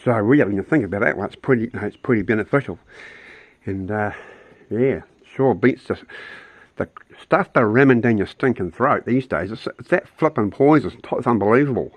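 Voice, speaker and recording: A man's voice: fairly low pitch, a little fast, no echo. Rambling older man vlogging. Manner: rambling, blunt, with many restarts. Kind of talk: casual chat to camera. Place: outdoors on a rural property.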